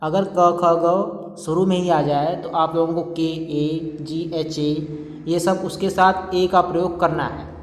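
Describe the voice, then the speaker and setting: A patient teacher giving a step-by-step spelling lesson, spelling out letters slowly and often checking that the listener is following. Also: mid-range voice, steady tone. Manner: patient, repeats "ठीक है" to check understanding. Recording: echoey room, long reverb.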